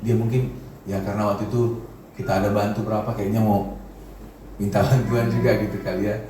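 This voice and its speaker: Pastor preaching in an echoey church. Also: male voice, flat delivery, a little fast, warm tone, slight background noise. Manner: conversational preaching with dramatic pitch swings. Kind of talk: sermon. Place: large church hall. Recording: very echoey hall from far off.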